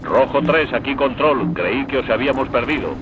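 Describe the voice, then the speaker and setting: A steady male mission controller whose voice comes over a military radio, formal and even in a mid-range pitch. The game's audio is mixed with loud noise behind the radio voice. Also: moderate pace, phone-quality sound. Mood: businesslike. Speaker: radio operator at command. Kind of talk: dubbed video game dialogue. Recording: noisy game audio mix.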